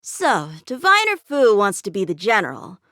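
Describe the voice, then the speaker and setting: In these video game voice lines, a woman portrays a confident, eager teen boy swordsman whose manner is youthful, cocky and earnest. Her pitch is medium but swoops wildly, her speed is normal, and her tone is fairly bright, while the mood stays earnest and thoughtful. It's studio-quality audio with no echo.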